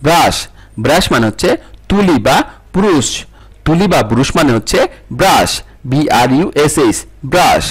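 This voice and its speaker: A man's voice: on the high side, lively intonation, moderate pace, breathy edge. A man teaching English vocabulary, repeating each word and its meaning and spelling it out letter by letter in a sing-song drill.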